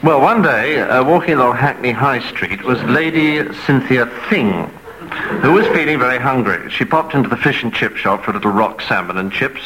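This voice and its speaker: A man's voice: mid-range voice, expressive, normal speed. Man, panelist, hesitant storytelling, faint hiss behind. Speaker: comedy panelist. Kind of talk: improvised comic storytelling.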